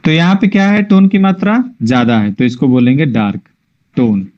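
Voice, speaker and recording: A man's voice: medium pitch, moderate pace, a little mellow. A man teaching an online drawing class, explaining step by step and often checking that his students follow. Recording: muffled lo-fi online class audio.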